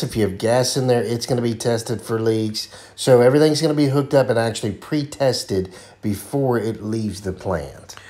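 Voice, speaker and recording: A man narrating a walkthrough of a home factory as a dealer, enthusiastic and casual, with frequent ums and uhs. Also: lowish voice.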